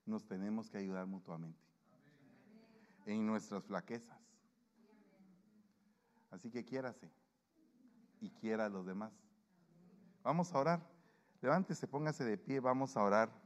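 A male pastor preaching to his congregation and leading communion, lively and acting out the voices of people he quotes. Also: lowish voice, takes it slowly, long pauses, big-room sound, dull audio. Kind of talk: sermon and communion prayer. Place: church.

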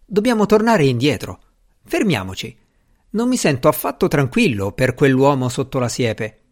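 A man voicing an anxious young gentleman magician, fretful and exclamatory. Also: medium pitch, sing-song, moderate pace, close to an everyday voice. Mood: urgent.

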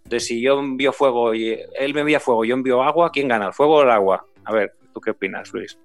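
A middle-aged man talks through communication principles in a measured teaching voice. He asks his co-host questions along the way. Faint music plays behind him. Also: mid-range voice. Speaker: communication trainer. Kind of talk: explanatory talk.

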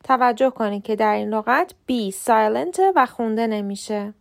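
A woman hosting a short podcast lesson, speaking Persian natively and spelling out English words letter by letter with slow, careful pronunciation. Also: fairly high pitch, creaky, a little hiss or hum. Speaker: podcast host and English teacher.

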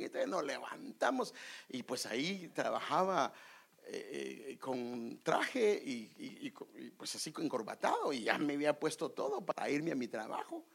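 A middle-aged Guatemalan preacher man tells a story from the pulpit, his voice husky with a gravelly edge. He speaks in a Guatemalan Spanish accent, swinging his pitch up and down in a lively way. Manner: animated storytelling, drops to whispers for inner thoughts. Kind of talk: sermon with personal story.

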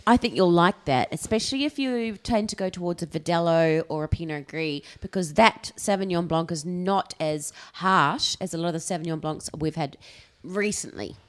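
A woman's voice: fairly low pitch, moderate pace, few pauses. A woman in her thirties co-hosting a casual wine-tasting chat, talking like a self-styled wine expert. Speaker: co-host.

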